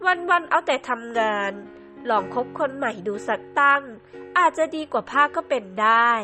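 A woman reading a storybook drama aloud in a soft, even storytelling manner. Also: high-pitched. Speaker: audio novel narrator. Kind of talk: scripted storytelling narration.

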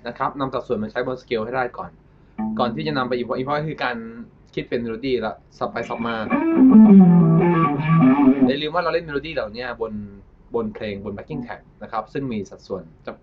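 Guy teaching guitar, polite and relaxed, counts out loud, dull lo-fi sound, guitar playing behind. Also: mid-range voice, normal speed. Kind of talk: casual guitar lesson explanation. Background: guitar and backing track.

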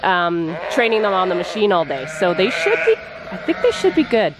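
A woman's voice: mid-range voice, big pitch swings, normal speed. Tired woman farmer in a noisy barn. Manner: chatty, tired, thinking aloud with restarts. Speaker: sheep farmer and vlogger. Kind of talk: casual vlog talk to camera. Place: large indoor sheep barn. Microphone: handheld camera at arm's length. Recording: noisy barn with sheep bleating. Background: bleating sheep and barn noise.

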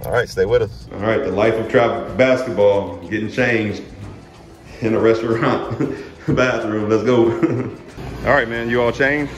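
At a measured pace, a man in his thirties with a fairly low voice and fairly even intonation casually vlogs a road trip. He holds his phone camera at arm's length in the car, a hotel and outdoors, chatting easily with his son and repeating phrases.

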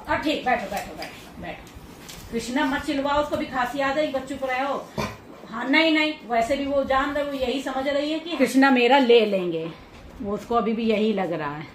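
A woman talking to her pet dogs in casual baby talk while she films, coaxing and scolding them gently and laughing often. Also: high voice, normal speed, recorded from a distance. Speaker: pet owner vlogger. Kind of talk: casual vlog, talking to pets. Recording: echoey room, voice off-mic, faint noise.

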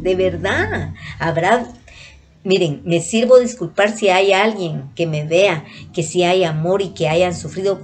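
A woman's voice: on the low side, a little mellow. A woman with a Guatemalan accent, vlogging casually to her viewers and retelling a conversation in a chatty, repetitive way. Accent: Guatemalan Spanish. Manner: chatty, retells dialogue, keeps addressing viewers as "mis amores".

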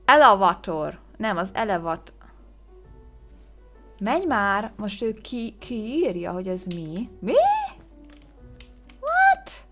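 A woman's voice: mid-range voice, long pauses, over music. A woman hosting a game video, commenting casually, exclaiming and gasping as she guesses, and sounding out English words hesitantly. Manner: excitable, exclaims and gasps while guessing. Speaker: gaming video host.

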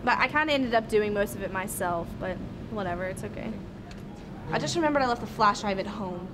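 A woman's voice: mid-range voice, expressive, fairly quick, background noise, close to an everyday voice. A young woman acting as a chatty, fretful teenage schoolgirl in an amateur school drama. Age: teens. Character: chatty teen schoolgirl, Victoria. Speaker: student.

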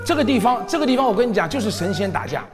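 A man's voice: high-pitched, very animated, racing. A man explaining a song arrangement to his group in casual, emphatic rehearsal talk. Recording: hall reverb with music behind.

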